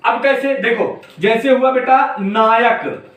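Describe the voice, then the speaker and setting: High-pitched teacher drilling grammar in an echoey room. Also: male voice, slow pace, fairly bright tone, recorded from a distance. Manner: repetitive, drilling, calls students "beta". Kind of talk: exam-prep grammar lesson.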